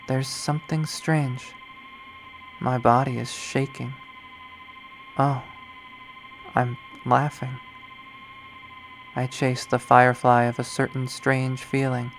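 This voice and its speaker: A man performs a dramatic first-person visual novel reading as a lovesick young woman whose obsession has driven her to murder. She speaks in a hushed, brooding way at a mid-range pitch, slowly letting every line hang, and the audio is poor.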